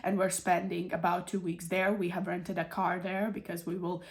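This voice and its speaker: A woman's voice: lowish voice, little pitch movement, moderate pace. A woman from Europe with a cold, talking casually through a stuffed-up nose as she explains things to her channel's viewers. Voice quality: stuffed-up, congested nasal voice. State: sick with a cold and runny nose. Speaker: budgeting channel host. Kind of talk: casual explanatory vlog talk.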